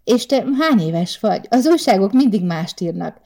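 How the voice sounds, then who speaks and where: A woman's voice: medium pitch, very animated, vocal fry, dark tone. A woman voicing a nervous, starstruck seventeen-year-old girl who stammers shyly in an audiobook story. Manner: stammering, breathless and shy.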